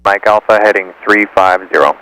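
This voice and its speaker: Lowish-voiced male approach controller on radio. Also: brisk, sharp tone, smooth, rough recording. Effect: aircraft radio. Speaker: air traffic approach controller. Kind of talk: clipped procedural radio instructions. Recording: faintly humming aircraft radio.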